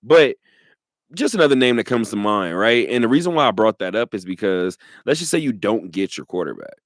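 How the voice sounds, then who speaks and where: A man hosting a sports radio talk show, talking in an animated way, laughing often and repeating his points. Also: on the low side, a little fast, no room sound, clean studio sound.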